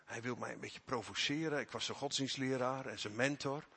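A man preaching a sermon, swinging from quiet, intimate passages to loud, fervent emphasis. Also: medium pitch, a little fast, gravelly, slightly rough. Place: church. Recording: long church reverb.

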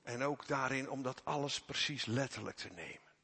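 A man preaching a sermon, swinging from quiet, intimate passages to loud, fervent emphasis. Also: mid-range voice, normal speed, husky. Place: church. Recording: long church reverb.

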